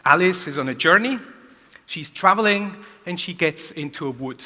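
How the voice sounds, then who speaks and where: A man delivers an energetic conference keynote and keeps asking the audience rhetorical questions. His voice sits fairly high and sounds bright and forceful. A long reverb from the large hall trails each phrase. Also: normal speed. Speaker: keynote speaker.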